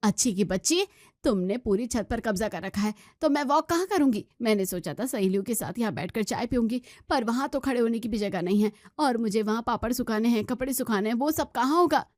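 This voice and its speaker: Nagging mother-in-law in a storybook, played by a woman: raised, shrill pitch, dry close sound. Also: lively intonation, a little fast, a little mellow, no room sound, lightly acted. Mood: angry scolding. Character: scolding middle-aged mother-in-law.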